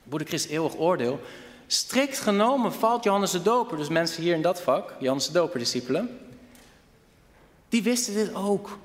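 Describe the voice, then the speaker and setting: Male preacher with a higher voice and lively delivery, recorded in a reverberant church hall. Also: moderate pace. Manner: animated, addresses the congregation with rhetorical questions. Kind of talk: sermon.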